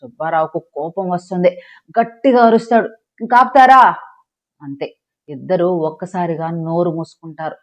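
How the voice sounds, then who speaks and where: A woman narrating a scripted village story in a lively storytelling manner. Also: fairly low pitch, a little fast. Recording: dull lo-fi recording.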